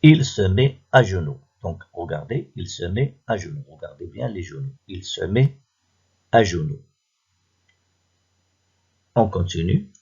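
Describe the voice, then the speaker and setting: A man with a deep, gravelly, husky voice talks through a primary school phonics lesson at a very slow pace. He patiently goes over each answer one step at a time. The recording sounds dull and lo-fi. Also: lively intonation, a little mellow.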